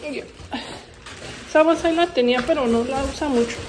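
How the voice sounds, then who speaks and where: Her voice sits high and her pace is brisk as this young Mexican woman, speaking with a Mexican accent, tells stories to her followers with frequent laughter. It's a casual vlog chat recorded against a noisy background.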